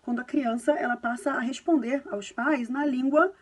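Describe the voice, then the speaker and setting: A Carioca woman in her thirties talks to camera from home in a friendly, reassuring vlog voice. Her pitch sits a little high, and she keeps checking in with the viewer through small tag questions. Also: steady tone, normal speed. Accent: Carioca Brazilian Portuguese. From Brazil. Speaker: parenting and language vlogger. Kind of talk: casual advice talk to camera.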